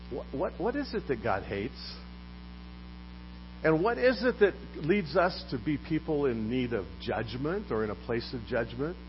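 A man preaching a sermon as pastor, putting questions to his congregation in a lively manner. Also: medium pitch. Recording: dull recording with faint mains hum.

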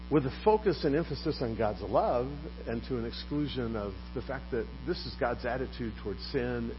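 A man preaching a sermon as pastor, putting questions to his congregation in a lively manner. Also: mid-range voice. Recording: dull recording with faint mains hum.

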